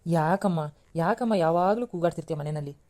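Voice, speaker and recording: A woman voicing a young husband and son in a cartoon serial, gently reasoning and pleading with his mother. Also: on the low side, a little fast, natural voice. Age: young adult. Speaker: cartoon voice actor.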